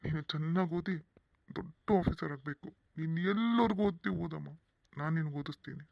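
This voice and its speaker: A man playing a loving, soft-hearted village father in a family cartoon story, with affectionate, plain speech. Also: on the high side, brisk, gravelly, dry recording, dull audio.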